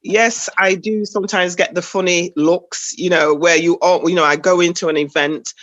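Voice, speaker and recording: A woman's voice: lowish voice, fairly even intonation, moderate pace, fairly bright tone, dry recording, dull audio. A woman being interviewed over a video call, speaking enthusiastically with frequent superlatives and hesitant fillers. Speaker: guest. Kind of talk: online interview.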